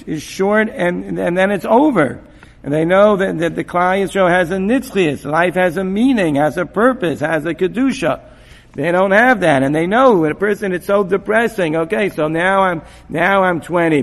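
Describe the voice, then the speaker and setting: A rabbi gives an informal mussar talk on Torah to students, halting often with many restarts and repeated words. He sprinkles in Hebrew and Yiddish terms, his voice is slightly high, and the sound suggests a big room.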